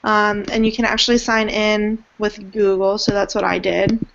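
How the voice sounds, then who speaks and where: A woman's voice: medium pitch, flat delivery, normal speed, gravelly, fairly bright tone, highs cut off. A young woman leading an online group discussion, talking hesitantly with many fillers, over a video call. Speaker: education student leading a group hangout.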